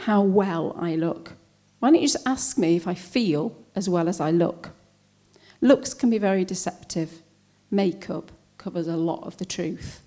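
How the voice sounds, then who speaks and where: A woman's voice: medium pitch, darkish tone. A woman performing a spoken-word poem with a wry, pointed delivery. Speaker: poet.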